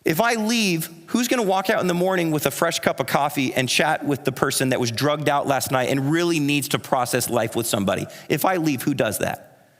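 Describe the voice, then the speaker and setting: A man voicing a quietly devoted older neighbor, a retired firefighter, asking soft, heartfelt questions. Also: on the high side, brisk, natural voice. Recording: reverberant church hall.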